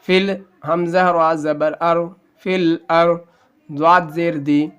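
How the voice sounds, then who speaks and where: This man's voice is on the high side and fairly bright, with a flat delivery and clean tone, though the audio itself sounds dull. He teaches the Quran letter by letter, patiently covering the reading rules, sounding out syllables slowly before stretching out the combined word.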